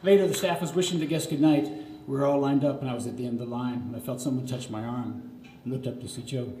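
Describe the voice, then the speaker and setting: The storyteller is a middle-aged man speaking at medium pitch with fairly even intonation, a quick pace and a dark tone. He performs a scripted monologue about his life live on a radio theatre stage, theatrically and earnestly, phrase by phrase. The theatre audio is roomy, with clear background noise.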